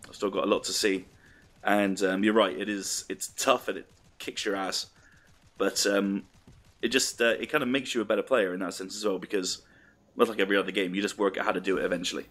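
Low-voiced man chatting about games. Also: steady tone, fairly quick, a bit bright. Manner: rambling, many ums and restarts. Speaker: podcast co-host. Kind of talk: casual game discussion.

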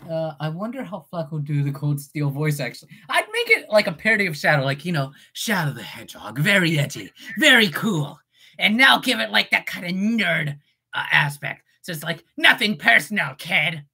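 A woman's voice: low-pitched, very animated, moderate pace, bright, forceful tone, husky. A woman voice actor chatting casually on a livestream, playful and jokey with frequent swearing. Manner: playful, jokey and profane, slipping into silly voices. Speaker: voice actor streaming.

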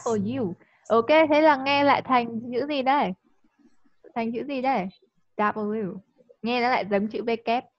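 A woman's voice: fairly high pitch, fairly even intonation, dry recording. A woman, tutoring a student over a video call. She talks in a coaxing way and keeps checking in with short "right?" and "yes or no?" questions. The sound is dry and a little dull, like lo-fi call audio. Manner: coaxing, checks understanding with quick tag questions. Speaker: online English teacher. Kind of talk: live online tutoring.

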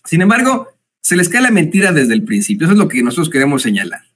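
A Mexican man with a Mexican accent giving indignant, mocking political commentary, pausing often with hesitant fillers. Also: a little high, very animated, a bit bright.

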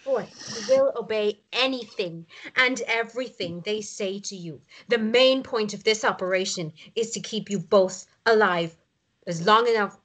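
During a drama script read-through, an actress plays a stern woman held captive who takes command like a military leader, issuing firm, controlled orders. Her voice is mid-range and a bit bright.

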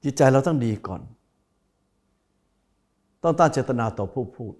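Thai monk giving an emphatic sermon. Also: male voice, mid-range voice, animated, normal speed, darkish tone. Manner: emphatic, repeats key phrases, addresses viewers directly. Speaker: Buddhist monk preacher. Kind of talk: televised dharma talk. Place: broadcast studio.

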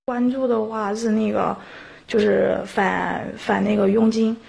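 A woman's voice: medium pitch, fairly even intonation, measured pace, gravelly, a little mellow. A young woman recounting her experience casually in an indoor interview. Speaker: interviewee, scam victim. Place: indoor room. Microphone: handheld interview mic.

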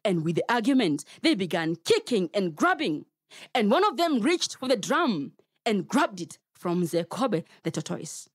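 A woman's voice: mid-range voice, big pitch swings, measured pace, slightly rough, no room sound, clean studio sound. A Kenyan woman telling a story to children, playful and talking straight to her young listeners. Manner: playful, addresses children directly.

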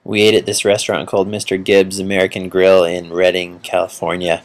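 A man's voice: low-pitched, monotone, a little fast, slight background noise. A man narrating a road trip video and interviewing a guest in a laid-back, chatty way. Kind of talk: casual travel narration and interview.

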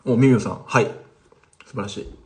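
A man's voice: medium pitch, steady tone, fairly quick, a little mellow. A man teaching casually on a livestream, chatting with viewers and replying to their comments. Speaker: language teacher streaming live.

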